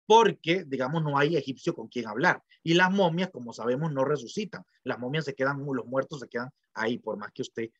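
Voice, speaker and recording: Guy lecturing, kinda high voice, rambly with lots of fillers, muffled dry audio. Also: fairly bright tone, no echo. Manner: chatty, digressive, tag questions and fillers. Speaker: professor. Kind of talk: informal university lecture.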